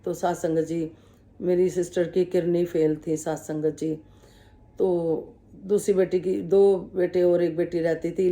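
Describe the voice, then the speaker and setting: In a mellow, fairly low voice, a woman gives a spiritual testimony talk, humbly recounting her own story to devotees and quoting dialogue. She refers to herself as the servant and speaks to her listeners with respect.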